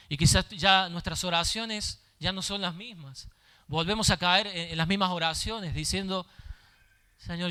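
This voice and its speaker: A man's voice: on the high side, bright, forceful tone, smooth. A male pastor preaching a sermon, repeating his phrases and building in intensity as he goes.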